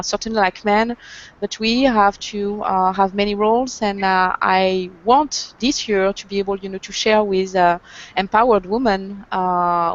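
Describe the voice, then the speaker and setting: A woman hosting an interview, gracious and chatty, often slipping in "you know" as she talks. Her pitch is middling. The audio is dull and lo-fi. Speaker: interview host. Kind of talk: online interview conversation. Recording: muffled lo-fi audio.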